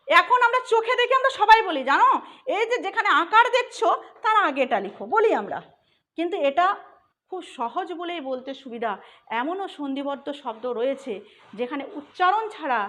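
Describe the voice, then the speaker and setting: A woman's voice: sits high, bright, forceful tone. A woman teaching a grammar lesson for an exam, explaining step by step and asking and answering her own questions.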